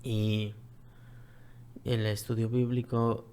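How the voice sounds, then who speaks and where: A man from Mexico with a Mexican accent, telling a personal story as a guest in an earnest, repetitive way that often drops to a soft near-whisper. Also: fairly low pitch, flat delivery, takes it slowly, slight background noise. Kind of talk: personal testimony, conversational storytelling.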